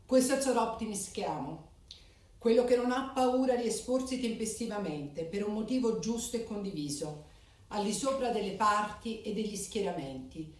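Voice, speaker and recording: A woman reading a formal ceremonial speech in measured, declamatory phrases. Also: mid-range voice, animated. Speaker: speaker at a club charter ceremony. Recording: echoey hall, voice from far off.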